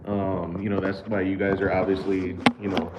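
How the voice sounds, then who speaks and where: Low and completely flat, this American livestream host reads super chats at a moderate pace, laid-back and laughing often despite stumbling on repeats and fillers. The audio is roomy, very noisy, and has its highs cut off.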